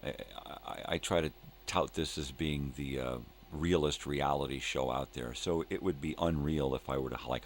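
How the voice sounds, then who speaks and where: An older man with an extremely low, creaky voice rambles casually as a show host. He drifts and repeats himself in laid-back hippie slang. There is faint noise in the room recording. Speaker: host of a live morning show.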